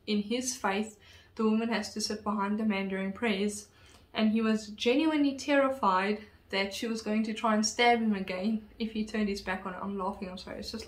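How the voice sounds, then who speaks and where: A woman telling a true crime story in a casual, chatty way, full of fillers and asides. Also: mid-range voice. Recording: roomy echo.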